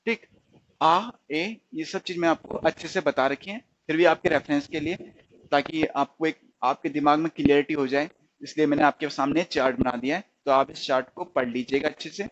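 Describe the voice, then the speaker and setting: A man teaching a stenography lesson, asking his students questions and answering them himself, repeating each sound slowly. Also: a little high, dull audio. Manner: slips into English definitions. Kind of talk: recorded shorthand lesson.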